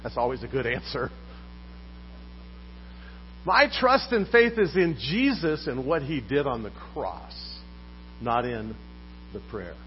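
A man's voice: mid-range voice, takes it slowly, pauses often. A man preaches in a church, his voice swinging up and down as he quizzes the congregation. The recording is dull and a faint electrical hum sits underneath. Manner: lively, poses questions to the congregation. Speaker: pastor. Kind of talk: sermon.

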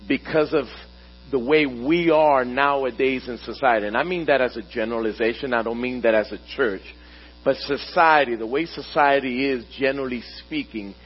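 A man preaching a sermon to his congregation at a pulpit microphone in a church, slowing down to stress key words and calling on the listeners to answer back. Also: mid-range voice, breathy edge. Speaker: pastor. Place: church sanctuary. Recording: dull recording with mains hum.

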